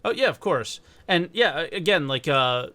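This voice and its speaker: Bright-voiced man hosting a casual chat. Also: on the high side, animated, moderate pace. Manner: rambling, self-correcting, explains context. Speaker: podcast host.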